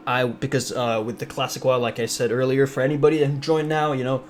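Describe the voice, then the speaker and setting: A young man, French-speaking by birth and from Ontario, streams with a French Canadian accent and talks to viewers in a loose, rambling way, full of fillers and restarts, reading chat aloud. His delivery is flat and fast in a mid-range voice, over slight background noise.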